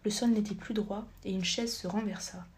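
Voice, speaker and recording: A woman narrating a storybook audiobook, reading steadily and sometimes dropping to a soft, near-whispered tone. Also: medium pitch, normal speed. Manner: steady reading, drops to a soft near-whisper at times, corrects small slips. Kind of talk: scripted narration.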